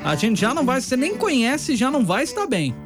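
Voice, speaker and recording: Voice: high-pitched, wildly swooping pitch, brisk, music in the background. A radio co-host in a casual chat, reading messages and joking playfully. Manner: playful, jokey, exclamatory.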